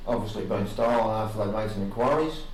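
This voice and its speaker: Halting Australian policeman, echoey and distant. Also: lowish voice, a little mellow. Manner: halting, informal, loses his place. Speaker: police interviewer. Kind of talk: formal but halting questioning. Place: indoor interview room. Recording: echoey, distant mic, faint noise.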